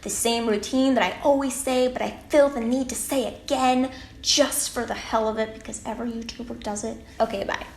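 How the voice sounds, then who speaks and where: A woman's voice: fairly high pitch, fairly even intonation, moderate pace, darkish tone. A teenage woman talking to her camera at home in a chatty, rambling, upbeat way as a vlogger. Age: late teens. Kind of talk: casual talk to camera. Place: room at home, echoey. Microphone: camera mic. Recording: echoey room, faint background noise.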